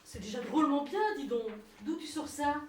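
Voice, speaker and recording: A woman's voice: sits high, animated, moderate pace. A woman playing a down-to-earth, reassuring young mother in a stage play, in a conversational manner. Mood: reassuring, matter-of-fact. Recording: echoey room, distant mic, faint noise.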